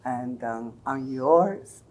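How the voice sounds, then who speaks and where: Low-voiced older woman, slow and mellow. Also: animated. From China and Taiwan. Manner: careful, explanatory storytelling. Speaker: guest. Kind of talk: conversational interview.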